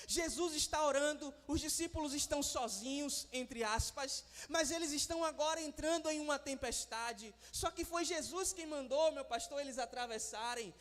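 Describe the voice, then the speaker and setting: Male preacher, very high voice, fiery sermon delivery, long church reverb. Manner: impassioned preaching, rising to shouts and sung phrases.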